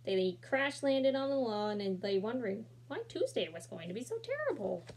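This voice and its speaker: This low-quality laptop camera recording, with slight background noise, catches a young woman in a small room reading a children's picture book with expression and casual asides. She speaks at a medium pitch and normal speed.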